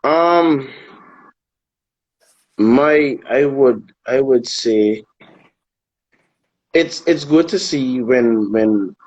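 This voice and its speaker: A man from Anguilla, a soca artist chatting casually in an interview, relaxed and hesitant, often repeating words while he thinks. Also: medium pitch, breathy edge, highs cut off. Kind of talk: casual interview over a live video call. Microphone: phone on a live video stream.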